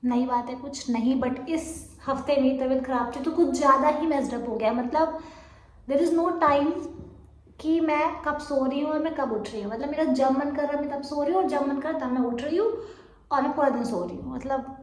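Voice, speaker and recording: A woman's voice: sits high, echoey room. A young woman talking through a casual vlog update while unwell, rambling and laughing at herself as she goes. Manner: rambling, self-mocking, mixes Hindi and English; says she talks very fast. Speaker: vlogger.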